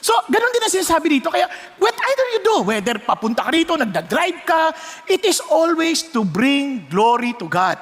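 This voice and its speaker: A high-pitched Filipino man preaching a sermon with big, lively swings in pitch. He switches freely between Tagalog and English and breaks into sudden loud exclamations, and his voice rings through the long reverb of a church hall. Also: normal speed. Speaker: pastor.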